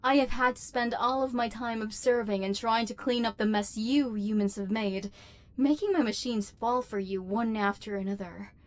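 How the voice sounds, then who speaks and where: For an ASMR roleplay, a woman lightly acts out a villain monologue as an imperious female robot overlord who hates humans yet is secretly lonely. Her formal, mechanical phrasing comes across as haughty and threatening. Her pitch is fairly high, her intonation fairly even, and her pace moderate.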